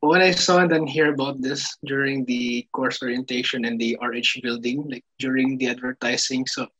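A young man with a Cebuano accent, a student guest talking haltingly with many fillers, mixing Cebuano into English. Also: mid-range voice, steady tone, fairly bright tone, breathy edge. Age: young adult. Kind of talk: casual podcast chat. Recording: muffled lo-fi mic.

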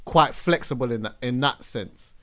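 A man's voice: mid-range voice, normal speed, over a noisy crowd. A man with a London accent asking questions in a casual group discussion.

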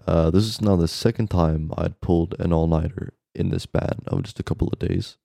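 Very deep, gravelly frat-bro podcaster. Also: male voice, moderate pace, dark tone, no room sound, clean studio sound. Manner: bro-ish frat-boy slang, heavy swearing. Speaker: podcast co-host. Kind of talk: casual chat, storytelling.

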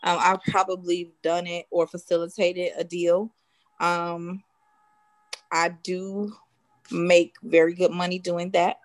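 A woman, a real estate consultant answering interview questions in a steady, matter-of-fact way with frequent "um"s. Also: lowish voice, slow pace. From South Side of Chicago. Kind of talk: casual interview guest.

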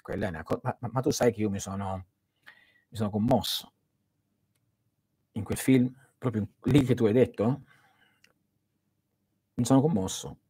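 A man's voice: on the low side, moderate pace, long pauses, mellow, breathy edge, dry recording. A man hosting a live stream as a spiritual teacher, answering viewers' questions in an earnest, didactic way and speaking straight to his listeners.

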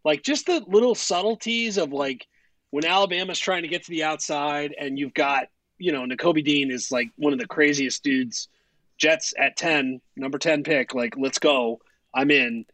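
Male sports podcaster, fairly high voice, dry close sound, rambling and salty. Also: moderate pace, dry recording. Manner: rambling, profane, animated storytelling. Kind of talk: casual chat.

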